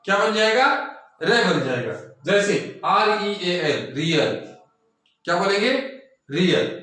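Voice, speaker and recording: A man's voice: high voice, expressive, slow pace, fairly bright tone. A man teaching English pronunciation, spelling words out letter by letter and repeating them with quiz-like questions. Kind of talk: classroom-style lesson. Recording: very echoey room, voice far from the mic.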